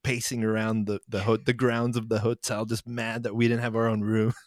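A man's voice: on the low side, little pitch movement, a little fast, no room sound. A young man co-hosting a podcast, telling a long story in casual chat, rambling and laughing as he goes. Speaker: podcast co-host, band member.

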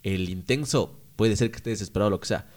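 A young man, co-hosting a podcast in casual chat, slangy and quick to swear. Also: fairly low pitch. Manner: animated, slangy, swears freely. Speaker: podcast co-host.

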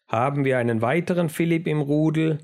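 A man voicing a sly, clever male mouse who mocks and shouts orders with a piercing voice and a rolled R. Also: a little high, lively intonation, slow pace. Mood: commanding, mocking.

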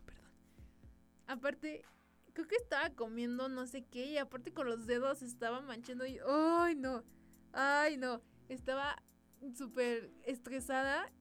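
A young woman with a Mexican accent, telling an exasperated, slangy story as a podcast host. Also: high-pitched. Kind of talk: casual storytelling monologue.

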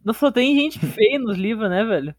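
Lively woman with slangy banter. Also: fairly high pitch, moderate pace. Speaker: podcast co-host. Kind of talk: casual chat.

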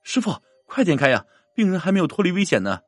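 A man's voice: fairly high pitch, very animated, quick pace, husky, dry recording, pitched above the performer's own voice. A man doing an urgent woman doctor. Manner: pleading, urgent. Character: urgent woman emergency doctor, normally quiet.

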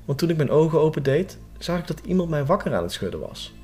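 A man narrating a scripted horror story in a steady, suspenseful manner. His voice sits somewhat high for a man, and faint music plays behind him. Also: fast.

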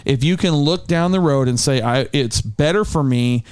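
A man's voice: mid-range voice, normal speed, smooth, no echo. Talk show co-host, male, earnest and rambling; clean resonant voice, dead-dry room. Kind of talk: political talk show chat.

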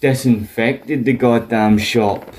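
In a slow, steady, darkish mid-range voice, a broad-accented Scottish man swaps casual chat and lively, foul-mouthed, colloquial stories. A little hiss or hum sits in the recording.

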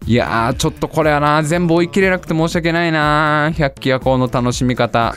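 A man's voice: fairly high pitch, moderate pace, a bit bright. A man hosting a live stream, chatting casually, reading out viewer answers and laughing often as he muses aloud.

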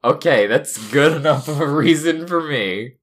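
A man's voice: a little high, expressive, normal speed. A young man co-hosting a casual comedic chat, playful and mock-serious, often laughing. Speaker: podcast co-host.

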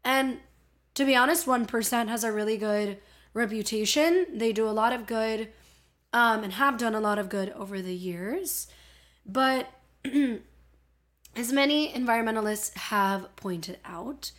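Slow-paced woman podcaster with a Miami accent. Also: fairly high pitch, fairly bright tone. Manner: informal, playful, self-deprecating. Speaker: podcast host. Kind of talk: casual solo podcast chat.

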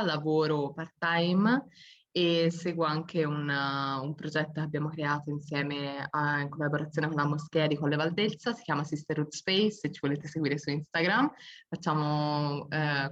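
A woman's voice: deep voice, fairly even intonation, normal speed. A woman in her twenties chatting casually as a podcast guest, with effusively thankful, devout turns of phrase. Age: 20s. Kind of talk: casual interview chat. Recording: dull lo-fi call audio.

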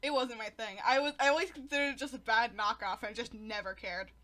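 A woman's voice: fairly high pitch, quick pace, pushed and bright. A young woman in a casual podcast chat, talking in a dramatic, complaining way. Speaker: podcast co-host.

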